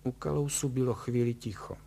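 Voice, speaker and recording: A man's voice: mid-range voice, creaky, mellow, slight background noise. A man reading a story aloud in a wry, conversational way. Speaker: narrator.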